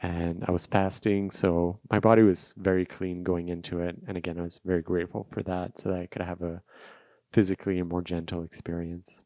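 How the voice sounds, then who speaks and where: A native Russian speaker with a low voice hosts a solo podcast, delivering an unscripted monologue of personal stories in a flat, even, brisk way. He reflects off the cuff and often repeats a phrase for emphasis. The sound is dry, with no echo or room around it.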